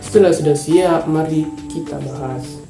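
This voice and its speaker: A man's voice: on the high side, measured pace, creaky. A man from Indonesia narrating a true-crime story in a casual, informal way, openly angry at the wrongdoer. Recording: echoey room with faint music.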